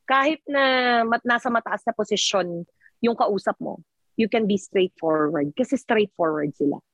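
A woman's voice: mid-range voice, normal speed, dry recording, rough recording. A woman from the Philippines in her thirties, a teacher working abroad, talking animatedly in a casual chat with laughs and self-corrections.

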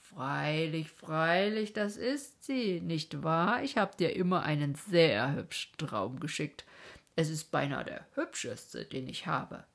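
A kindly old king of dreams speaks patiently and a little fussily, as a woman reads him aloud. His voice sits somewhat raised and louder than the narration, with a breathy edge. A gentle storybook monarch. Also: sits low, expressive, takes it slowly, exaggerated voice.

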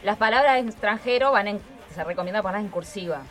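A woman's voice: mid-range voice, fast, a faint crowd. Chatty Argentine woman over music. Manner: explanatory, chatty. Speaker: radio panelist, text proofreader. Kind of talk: casual radio chat. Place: radio studio.

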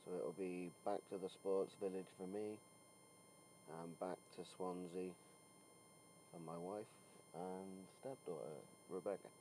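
Talking informally through his workday for a podcast diary, a middle-aged swim coach moves between car, outdoors and poolside, with background noise from travel and the outdoors. He speaks in a low, warm, steady voice, a little slow, on a low-quality recording.

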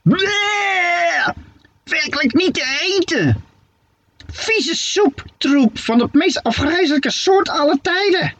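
A man's voice: very high-pitched, expressive, takes it slowly, fairly bright tone, no room sound, dull audio, voice pushed up, exaggerated voice. A man doing squealing old witch Hoppakee. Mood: disgusted. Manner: shrieking, squealing disgust.

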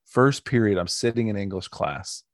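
A man co-hosting a podcast in casual chat, telling stories in an animated, joking way. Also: on the low side, moderate pace, no room sound, studio quality. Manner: animated, jokey storyteller. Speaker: podcast co-host.

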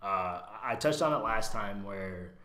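A man's voice: lowish voice, animated, measured pace, sharp tone, reverberant. A young man from Iowa sharing his family story as a podcast guest, earnest and reflective, with many restarts. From USA, raised in Iowa. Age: young adult. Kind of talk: casual storytelling.

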